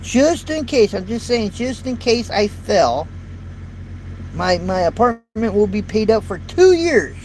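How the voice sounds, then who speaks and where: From his parked truck cab, a fifties-aged truck driver rambles casually to viewers in a live chat, folksy and repetitive with his words. His light, high-pitched voice has a darkish tone and big pitch swings, delivered a little slowly. Audio from the built-in phone or camera mic is poor, with faint road and traffic noise.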